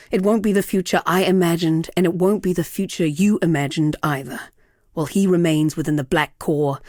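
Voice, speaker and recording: An actress voices a proud, seductive, unrepentant villainess sorceress for a video game, delivering her lines in a measured, theatrical, sardonic way. Her voice is low-pitched, and the studio-quality recording has no echo.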